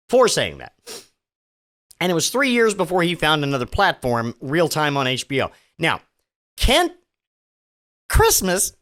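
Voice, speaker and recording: This Virginian podcaster rips into the week's news, mocking every story with sarcasm and offhand profanity while his pitch leaps up and down. He often trips over his words and starts sentences again, his tone fairly bright, recorded in a home studio.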